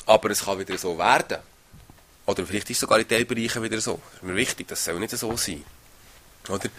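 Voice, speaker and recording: A man's voice: lowish voice, fairly bright tone. A man preaching a sermon on a Bible passage, talking conversationally and often tagging phrases with a questioning "oder?".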